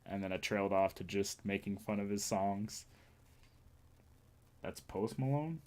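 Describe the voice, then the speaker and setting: A man's voice: lowish voice, measured pace, a little mellow. A young man livestreaming from his home setup, joking, teasing and reading his chat aloud in a casual way. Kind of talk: casual live-stream chat.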